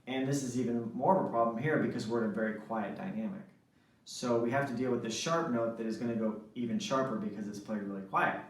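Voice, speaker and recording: A man with a medium-pitched voice gives a saxophone lesson at a quick pace, walking through each step and frequently asking "right?" The room is echoey, and the mic sits some distance away.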